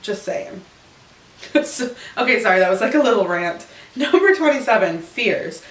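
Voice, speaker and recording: A woman's voice: on the high side, lively intonation, moderate pace, a bit bright. A young woman vlogging in a casual, rambling chat, giggling as she answers questions in her bedroom. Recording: echoey room, camera far off.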